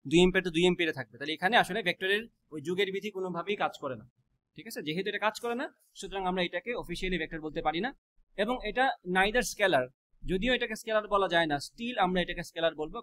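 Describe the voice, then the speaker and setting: A man teaches a physics class, quizzing students with quick rhetorical questions and mixing English math terms into his speech. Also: high-pitched, fairly bright tone. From Bangladesh.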